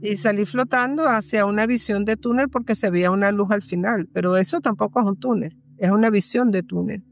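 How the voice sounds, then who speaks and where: A woman's voice: mid-range voice, brisk, gravelly, hardly any pauses, faint music behind. A woman guest in an interview, telling a personal story earnestly and repeating phrases for emphasis.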